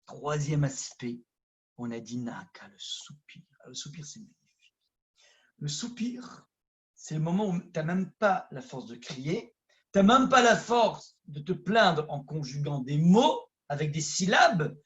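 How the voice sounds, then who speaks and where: A rabbi from France with a Parisian accent, giving a conversational lesson that swings from loud emphasis to hushed asides. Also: male voice, fairly high pitch, big pitch swings, slow pace, highs cut off. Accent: Parisian French. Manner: addresses listeners directly, conversational. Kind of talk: lively Torah lesson.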